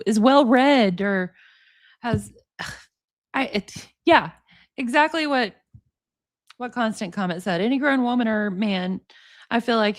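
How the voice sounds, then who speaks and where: A woman in her forties streaming and reacting to a video, making deadpan, mocking remarks. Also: a little high. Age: 40s. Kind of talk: sarcastic live commentary.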